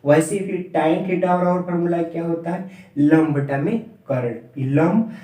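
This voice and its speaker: A man's voice: fairly high pitch, unhurried, dark tone. Male maths teacher, repetitive drilling style, distant echoey classroom sound. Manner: repetitive drilling, spelling terms out letter by letter. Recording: echoey room, voice far from mic.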